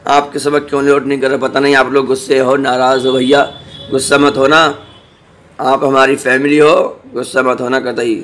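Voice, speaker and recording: A man teaching a Quran lesson online, slowly reciting and repeating each Arabic word, then explaining quickly and gently reassuring his learners with small jokes. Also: medium pitch, little pitch movement, a little hiss or hum.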